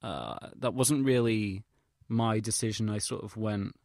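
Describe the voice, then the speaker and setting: In a clean studio recording with no room sound, a young Englishman vlogs in a rambling, informal audio log. His voice is fairly low and a little mellow, at a measured pace, and he recounts things hesitantly with self-deprecating humor, slang and swearing.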